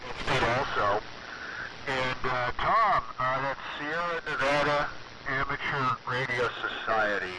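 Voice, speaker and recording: A man speaking as an amateur radio operator on a net, halting and measured, through a shrill, gritty early carbon microphone over the radio. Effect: radio transmission. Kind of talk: rambling ham radio net check-in. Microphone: vintage military carbon microphone. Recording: very noisy shrill vintage radio transmission.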